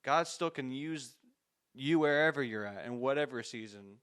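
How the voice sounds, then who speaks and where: Smooth-voiced man hosting a faith chat. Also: medium pitch, normal speed, fairly bright tone. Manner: reflective, encouraging, many restarts and fillers. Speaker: podcast host. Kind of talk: faith-based interview.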